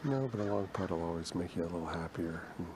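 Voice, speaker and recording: Male golf commentator, deep-pitched analyst, conversational and explanatory, noticeable ambience. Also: animated, fast talker, a little mellow, slight background noise.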